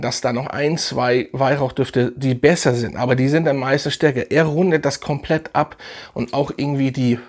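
A man's voice: mid-range voice, a little mellow. A young man casually reviewing fragrances in a vlog, enthusiastic and slangy, rambling with fillers.

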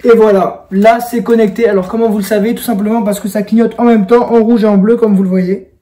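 A young adult video creator with a high, mellow voice delivers a product tutorial from indoors at home, fairly quickly and with a flat delivery. His manner is informal, and he speaks directly to the people watching.

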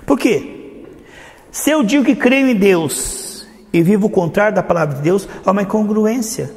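A man's voice: sits high, expressive, moderate pace, a little mellow. A man preaching a sermon as pastor, acting out short dialogues to make his points. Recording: long hall reverb.

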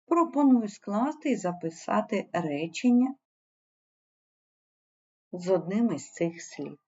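A woman's voice: mid-range voice, sing-song, slow pace, a little mellow, breathy edge, highs cut off. A woman teacher giving a primary school language lesson, patiently spelling out sounds and syllables. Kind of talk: slow explanatory online lesson.

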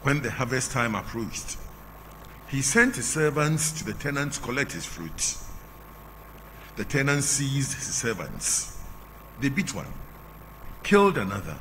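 A middle-aged canon with a Ghanaian English accent reads the gospel and preaches at a church altar, his medium-pitched, fairly bright voice moving in measured, drawn-out phrases that drop at the ends. He speaks into a lectern microphone while wearing a face mask, and the large sanctuary adds a long reverb over a faint hum.

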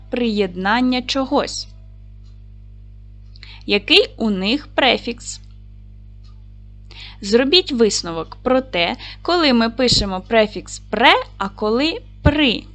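A woman teaching an online lesson to young children, speaking clearly and stretching out words as she spells them. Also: fairly high pitch, animated, takes it slowly, fairly bright tone, soft background music. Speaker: primary school teacher.

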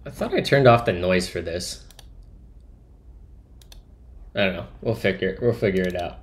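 A man's voice: low voice, animated, moderate pace, a little hiss or hum. A man live-coding on a stream, thinking aloud and talking to chat in a musing, trailing-off way as he types.

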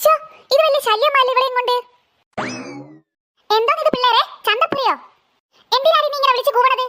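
A woman's voice: very high-pitched, a little fast, pushed and bright. A woman voicing a busy, short-tempered mother in a cartoon who scolds her two daughters. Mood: scolding. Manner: scolding, exasperated. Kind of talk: cartoon voice acting.

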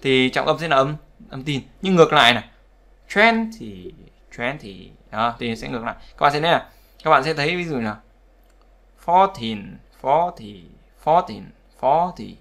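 Male language teacher with a gravelly, bright voice, explaining patiently and repeating examples. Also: medium pitch, fast talker. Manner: repetitive, conversational, checks with "đúng không?". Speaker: English pronunciation teacher. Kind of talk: explaining word stress in a lesson.

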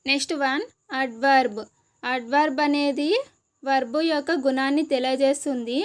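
A high-pitched woman with a Telugu accent teaches an exam-preparation lesson. She explains steadily, pausing to list each term one by one. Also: fairly even intonation. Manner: slow, deliberate listing of terms one by one.

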